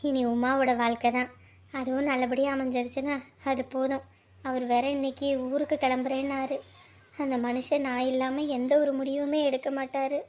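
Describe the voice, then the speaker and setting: A woman playing a chatty, mothering housewife who fusses over the household. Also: high voice. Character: fussing rural housewife and elder sister-in-law. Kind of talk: web drama acting.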